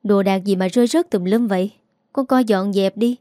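The aunt is a soft, motherly middle-aged woman with a Southern Vietnamese lilt, caring and quick to stammer when cornered, as a woman reading a storybook puts her on. Her voice is warm and mellow, and it sits close and dry. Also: mid-range voice, dry recording, lightly acted. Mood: scolding. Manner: tender, flustered, stammering when pressed. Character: gentle middle-aged aunt who raised an orphan.

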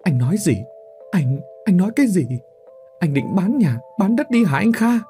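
A man's voice: medium pitch, sing-song, moderate pace, dark tone, soft background music, lightly acted. A man voicing a frail, trembling old mother who pleads weakly with her son, in a storybook reading. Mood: desperate. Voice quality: thin trembling old woman's voice. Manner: pleading, quavering. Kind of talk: storybook narration with voiced characters.

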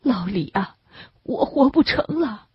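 A woman's voice: high-pitched, lively intonation, creaky, pitched above the performer's own voice, exaggerated voice. A woman voicing a sick middle-aged male camp inmate who wails and chokes on tears as he speaks. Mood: anguished. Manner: wailing, choked with tears, drawn-out. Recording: dull lo-fi recording.

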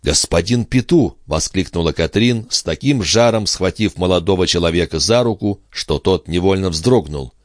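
Deep-voiced man narrating a novel. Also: moderate pace, hardly any pauses, dry recording, clean studio sound. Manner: expressive storytelling. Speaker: audiobook narrator. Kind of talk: scripted literary narration.

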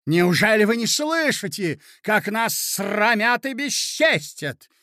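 Brief: furious scheming matron, loud and shrill, voiced by a male reader. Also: big pitch swings, takes it slowly, no echo, studio quality, exaggerated voice. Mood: enraged. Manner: loud, shrieking outbursts. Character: furious scheming middle-aged woman, domineering.

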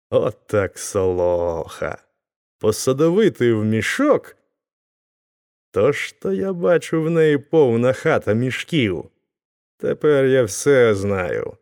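A bewildered middle-aged village Cossack, voiced by a male narrator, exclaims and grumbles in a raised, flustered voice. His pitch swings widely and his delivery is slow and deliberate. He sounds like a storybook character. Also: darkish tone. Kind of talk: audiobook character voice.

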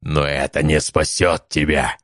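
Growling scornful dragon warrior, voiced by a male narrator, low and dry, for an audiobook. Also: little pitch movement, measured pace, fairly bright tone, no room sound.

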